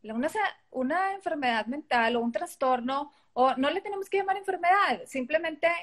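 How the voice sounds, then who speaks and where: A woman's voice: sits high, animated, normal speed. A middle-aged woman with a Mexican accent, a guest in a casual interview, talking animatedly and acting out quoted dialogue. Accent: Mexican Spanish.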